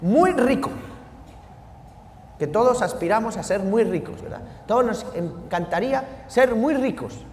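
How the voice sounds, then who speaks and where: Man, priest, high voice, animated sermon, long reverb. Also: slight background noise. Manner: animated preaching, quickly shifting between hushed and loud.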